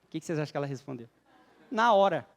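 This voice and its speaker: A man's voice: fairly high pitch, expressive, rapid-fire, vocal fry. A Brazilian man giving a spiritist lecture to a live audience, quizzing the listeners and telling jokey stories about married life. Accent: Brazilian Portuguese. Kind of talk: humorous public lecture.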